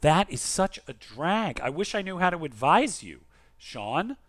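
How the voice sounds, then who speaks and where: This podcast co-host has a fairly high, slightly bright voice with big pitch swings and a measured pace, captured in a dry recording. He reads listener mail and chats theatrically and emphatically, cracking jokes in a lively, casual manner.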